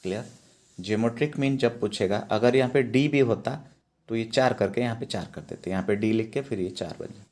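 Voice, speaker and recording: A man's voice: medium pitch, a little mellow. A man teaching a math lesson, going step by step and checking in with his students as he works. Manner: slow, repeats steps and checks in with "है ना".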